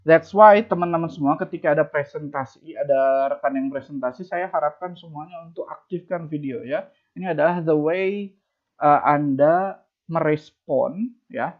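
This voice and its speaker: A lecturer giving a student feedback over a video call, his voice a little higher than most men's. The audio is dull and lo-fi. He drops English phrases into his sentences and pauses often on fillers. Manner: mixes English phrases into speech, many fillers. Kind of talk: online class feedback.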